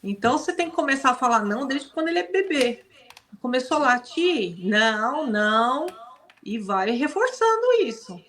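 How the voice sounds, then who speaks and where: A woman's voice: high-pitched, big pitch swings, a little fast, fairly bright tone. A woman from Brazil, a guest on a live stream, explaining dog care casually and often checking in with her listener. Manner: explanatory, uses many tag questions. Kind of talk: casual advice in a live interview.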